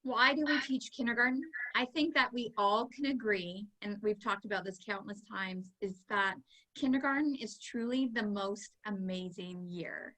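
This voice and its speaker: A Canadian kindergarten teacher hosts a virtual back-to-school night, giving parents an upbeat, cheerful and chatty presentation. Her voice is medium-pitched, pushed and bright at a normal speed, though the audio quality is poor.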